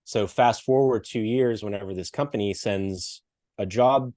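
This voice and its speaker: Lively storytelling man, low voice. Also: a little slow, dry recording, clean studio sound. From Western Pennsylvania. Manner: animated storyteller acting out quoted voices, laughs often. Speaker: podcast guest, coach and speaker. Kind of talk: casual storytelling interview.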